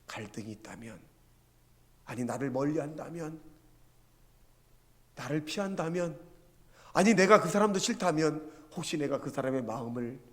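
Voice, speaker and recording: In a church sanctuary full of long reverb, a male pastor preaches a sermon, telling stories and putting rhetorical questions to the congregation. His slightly high voice has lively intonation and a normal speed, broken by long pauses.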